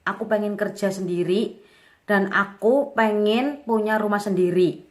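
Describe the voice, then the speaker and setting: A young woman in her twenties talks straight to the camera as a vlogger. She tells her own story in a candid, relaxed way, with plenty of casual fillers. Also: medium pitch, a little slow. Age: 20s. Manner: chatty, candid, lots of fillers.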